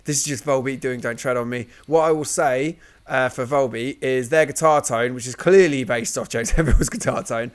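A man's voice: medium pitch, normal speed, few pauses, slight background noise. A man hosting a music review podcast, chatting casually and enthusiastically, swearing freely as he moves through the tracks. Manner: enthusiastic, sweary, leads the running order. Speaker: podcast host.

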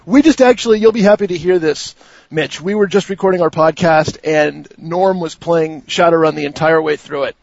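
A man's voice: on the high side, normal speed, creaky, a little mellow, no room sound, highs cut off. A man hosting a casual gaming podcast, hesitant and restarting his sentences often. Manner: hesitant, many restarts and fillers. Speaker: podcast host.

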